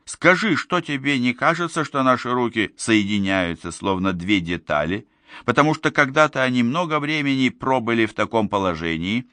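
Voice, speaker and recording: A man's voice: mid-range voice, animated, moderate pace, sharp tone, dry recording, pitched above the performer's own voice. A man reading the part of an earnest, insistent young man in an audiobook, pressing his case with urgent pleading. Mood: whispering.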